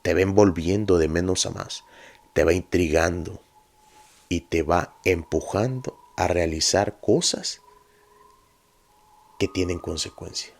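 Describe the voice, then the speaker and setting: A man's voice: deep voice, slow pace, gravelly, long pauses, heavily acted. A man playing his troubled young friend haunted by nightmares, earnest and pleading.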